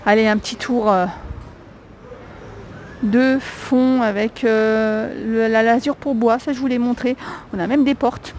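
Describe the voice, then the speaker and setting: With a fairly high, darkish voice, this woman speaks non-native-accented French in a casual store walkthrough vlog shot on a handheld camera. An adult with a young child, she hesitantly tours a discount store, reading off prices with plenty of fillers. The rough recording carries a little hiss or hum.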